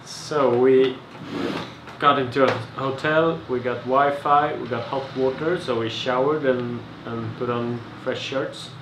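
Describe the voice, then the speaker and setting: A young photographer explains things in a relaxed, matter-of-fact way. His voice carries an echo, and background noise is clearly heard. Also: mid-range voice, unhurried. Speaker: freelance photographer. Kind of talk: casual vlog narration. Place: hotel room and outdoors at night.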